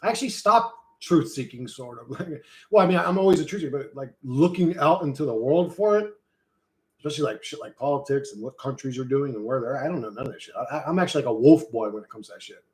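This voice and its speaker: A man with a mid-range voice talks quickly and animatedly on a live stream, chatting casually with viewers. He's loose and profane, swears freely, and calls everyone "bro" constantly. He rambles while reading and answering chat.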